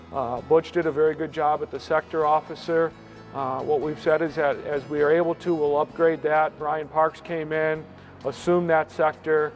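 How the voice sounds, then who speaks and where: A man, a fire incident commander, talking through an after-action debrief in explanatory trade jargon. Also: a little high. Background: faint music.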